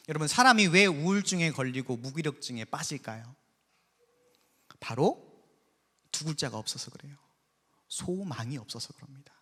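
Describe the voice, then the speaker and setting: A man preaching a sermon in a church, telling the story vividly and acting out the quotes himself. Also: on the high side. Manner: lively storytelling preacher, acts out biblical quotes. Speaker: pastor. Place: church sanctuary. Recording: long hall reverb.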